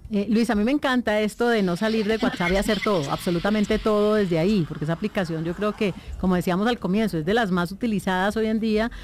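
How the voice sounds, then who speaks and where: A woman with a mid-pitched voice co-hosts an interview. She builds up to her question in a chatty way, with everyday examples along the way. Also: quick pace, few pauses, darkish tone, soft background music. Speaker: interviewer, co-host.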